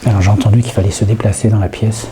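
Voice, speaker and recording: A paranormal investigator with a heavy cold sniffles through a live ghost-hunting vlog in an empty old house at night, quietly calling out to spirits. His lowish voice barely moves in pitch and runs very fast, hushed and hesitant, often trailing off and starting over. There's noise in the background.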